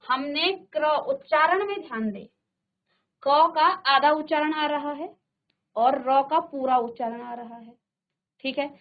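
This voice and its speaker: A woman's voice: high-pitched, a little slow. A woman teacher giving a grammar lesson in a studio classroom, drilling sounds by repeating them and checking in with her class. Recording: tinny phone-like sound.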